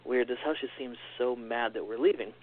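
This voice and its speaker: Fast-talking man on a tinny line. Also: mid-range voice. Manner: animated, quick storyteller acting out quoted lines. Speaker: podcast guest. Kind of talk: casual storytelling.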